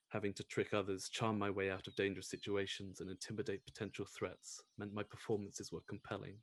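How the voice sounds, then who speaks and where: A breathy, hushed air genasi thief with a low voice tells his own backstory in a tabletop game, as a man puts him on. The tone is soft and airy, measured and secretive. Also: lightly acted. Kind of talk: in-character backstory reading.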